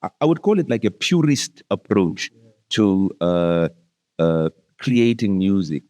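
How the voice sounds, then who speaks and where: This podcast host has a fairly low, darkish voice and keeps his interview with a musician casual and conversational. He leans on slangy, familiar address such as "bro."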